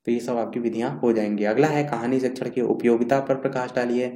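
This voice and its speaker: A man's voice: mid-range voice, fairly even intonation, quick pace, mellow. A man teaching an exam revision lesson, steadily listing and explaining points one after another while scrolling through notes. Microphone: screen-recorded voice-over. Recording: echoey room.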